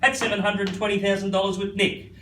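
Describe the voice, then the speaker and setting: High-voiced Australian male auctioneer, echoey. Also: monotone, fast, fairly bright tone. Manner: repetitive, addresses bidders by first name. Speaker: real estate auctioneer. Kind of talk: live auction patter. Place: live property auction. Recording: echoey, slightly distant, faint background noise.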